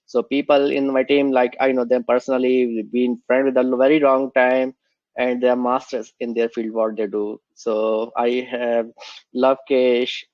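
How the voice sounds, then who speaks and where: A man's voice: mid-range voice, no echo, highs cut off. A man with a cold, answering interview questions as a guest, earnest and explanatory. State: has a cold.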